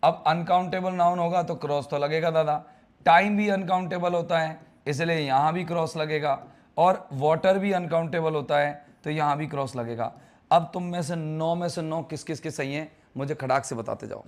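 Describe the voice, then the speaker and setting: A man runs a live online English grammar class. His voice sits a little high, and he talks in a chatty, teasing way while quizzing his students on their answers. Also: normal speed. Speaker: teacher.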